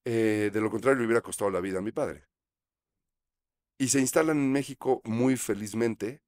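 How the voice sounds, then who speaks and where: A Mexican actor in his fifties, originally from Mexico City, tells stories in a relaxed, reflective way during a studio interview on a small set. He speaks with a Mexican Spanish accent in a mid-range voice at a moderate pace, gesturing and using frequent fillers. A close studio mic on a boom arm captures him with no room sound.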